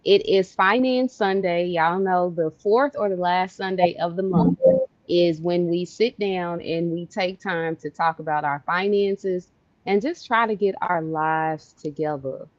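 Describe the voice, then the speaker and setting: Chatty low-voiced woman host. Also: measured pace, dry recording. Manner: playful, chatty, laughs easily. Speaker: podcast host. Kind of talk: casual chat. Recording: dull lo-fi sound.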